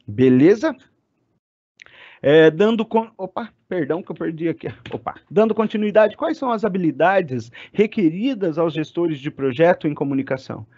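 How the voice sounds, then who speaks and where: A man giving an online class lecture, talking fast and animated and getting loud when excited. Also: a little high, no room sound. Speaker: university lecturer. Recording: dry, slightly muffled sound.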